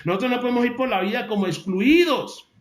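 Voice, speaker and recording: A man giving a motivational talk, emphatic, repeating key phrases and slowing down to stress them. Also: extremely high pitch, expressive, reverberant. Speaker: motivational speaker.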